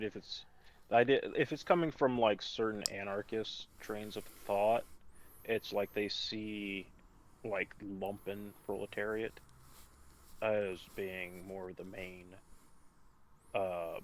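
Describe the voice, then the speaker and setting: A man chiming in on a casual discussion, halting and hesitant as he thinks aloud. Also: on the low side, level tone, a little hiss or hum.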